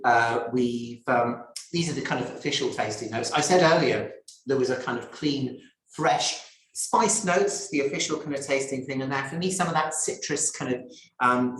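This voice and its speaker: A man's voice: mid-range voice, fairly bright tone. A man hosting a live online gin tasting over a video call, chatty and easygoing, talking to viewers by name. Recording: roomy echo on a video call.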